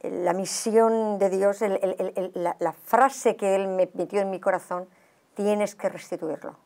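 A woman giving her personal testimony in an interview. She tells it as an animated story and acts out the dialogue. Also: medium pitch, a little slow.

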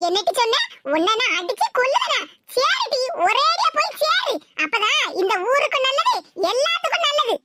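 A woman voicing a sharp-tongued, scolding village mother-in-law in a cartoon, with a Tirunelveli Tamil accent. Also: big pitch swings, normal speed, hardly any pauses, noisy background. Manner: scolding, shrill and taunting. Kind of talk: cartoon voice acting.

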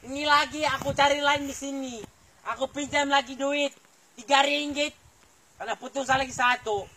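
A man's voice: very high voice, little pitch movement, moderate pace, pushed and bright, slight background noise. A man, up a tree outdoors, complaining and pleading on a phone call. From Filipino Suluk. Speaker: plantation worker on a phone call.

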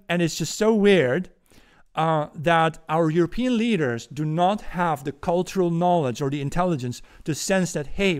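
A smooth-voiced man in his forties with a Dutch accent hosts a political commentary podcast, ranting indignantly. He records from a room at home on a boom-arm studio mic.

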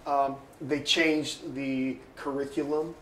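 A man's voice: mid-range voice, flat delivery, takes it slowly, a bit bright. Rambling older man, echoey room. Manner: rambling storyteller, acts out quoted voices. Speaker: interviewee, photographer. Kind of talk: oral history interview. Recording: echoey room, faint ambient noise.

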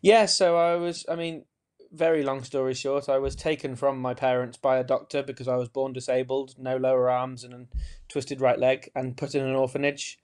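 A man speaks over a webcam from a small room at home. His pitch is middling, and he tells his story in a frank, relaxed way, with the odd light laugh. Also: normal speed, clean tone. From Romania. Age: 30s. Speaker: interview guest. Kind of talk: recorded video-call interview. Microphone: webcam on a video call.

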